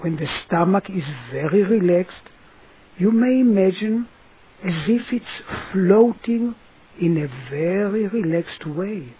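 A person guiding a relaxation session in a soothing manner, giving gentle instructions with long pauses. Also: mid-range voice, expressive, highs cut off. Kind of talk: guided relaxation narration.

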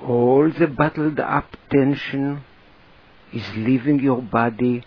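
At a very slow, deliberate pace, a man leads a relaxation exercise in a husky, medium-pitched voice with fairly even intonation. He gives short instructions spaced well apart, and the recording sounds slightly muffled and lo-fi.

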